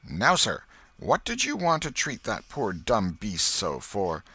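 A man voicing a stern but soft-hearted old aunt who scolds and exclaims. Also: on the low side, huge pitch swings, measured pace, husky, exaggerated voice. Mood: scolding.

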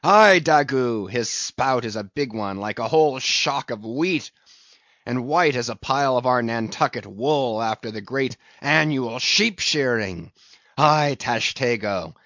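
A man's voice: medium pitch, unhurried, a bit bright, dry recording, highs cut off. A man voicing a fierce, obsessed old whaling captain in an audiobook, bellowing in declamatory, archaic seafaring speech. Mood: rousing, commanding.

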